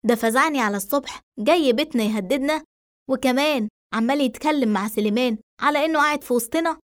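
Woman playing a snappy egyptian mom in an audiobook, loud and fast, scolding. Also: high voice, lightly acted. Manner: scolding, rapid. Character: sharp-tongued, irritated middle-aged mother.

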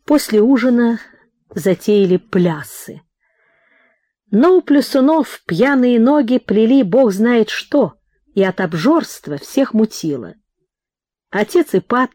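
Slow, measured woman audiobook reader. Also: mid-range voice, dry recording, clean studio sound. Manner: measured, expressive literary reading. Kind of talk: scripted narration.

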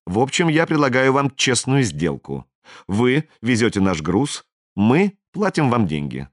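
A man voicing a businesslike alien stranger in an audiobook, speaking in a measured, persuasive and authoritative way. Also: mid-range voice, huge pitch swings, no room sound, studio quality. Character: smooth, businesslike male alien stranger, commanding. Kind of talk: audiobook character reading.

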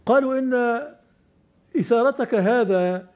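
Higher-voiced older man explaining poetry. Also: a little mellow. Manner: measured, explanatory, asks questions of the student. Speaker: teacher of classical poetry.

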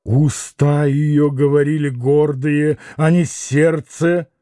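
A man voicing a bitter, venomous young woman who speaks slowly and poisonously, in an audiobook reading. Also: a little high, little pitch movement, warm tone, no echo, clean studio sound.

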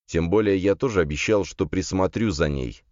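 Deep-voiced male audiobook narrator. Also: normal speed, darkish tone, no echo. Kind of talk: first-person scripted narration. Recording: dry, slightly dull studio sound.

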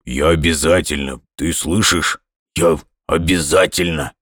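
A very deep, grumbling bear cub from a children's story, voiced by a male narrator. He sounds gruff but caring, recorded close and dry. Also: fairly even intonation, measured pace, a bit bright, dry recording, exaggerated voice. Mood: tender. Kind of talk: audiobook character voice.

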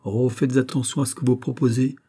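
A male reader playing a tormented nobleman who implores and protests in a dark, mellow voice. A husky grain runs through his storybook delivery. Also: mid-range voice, flat delivery, a little fast, natural voice. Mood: overwhelmed. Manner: anguished, imploring. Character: anguished nobleman, a proud minister. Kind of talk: audiobook reading of a classic novel.

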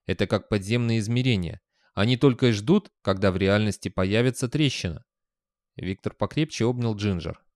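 A man narrating an audiobook in an even, measured storytelling manner. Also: on the low side, no echo, studio quality.

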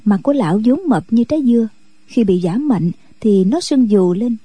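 A woman narrating a story for radio in a steady, measured voice. Her tone is very dark and mellow with a husky edge, somewhat higher than most women, and recorded dry and close. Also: no echo.

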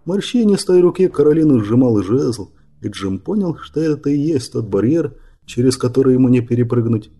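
A man reads a fantasy audiobook in an even, measured voice. His tone is very dark and husky. His pitch sits in a normal middle range. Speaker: narrator. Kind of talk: audiobook narration.

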